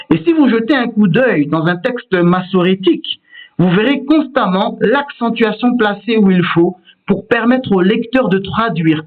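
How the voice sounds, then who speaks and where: A man giving a patient, explanatory lesson on Hebrew word stress, demonstrating each pronunciation himself. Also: high voice. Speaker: Hebrew teacher. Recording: tinny phone-like sound.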